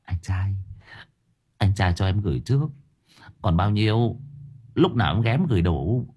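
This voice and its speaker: A man's voice: on the low side, animated, unhurried, a little mellow, husky. A man voicing a timid young man who stammers meekly. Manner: stammering, meek.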